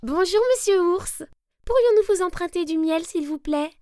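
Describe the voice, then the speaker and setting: A woman's voice: very high voice, normal speed, background noise, pitched above the performer's own voice. A woman voicing a sweet, eager little rabbit neighbour who asks for favours politely in a storybook reading.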